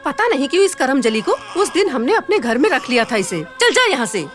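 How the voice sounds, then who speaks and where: A shrill cruel stepmother. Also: big pitch swings, a little fast, fairly bright tone, soft background music. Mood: furious. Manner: harsh, scolding. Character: cruel, shrill stepmother who dotes on her son. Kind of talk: Hindi TV serial acting.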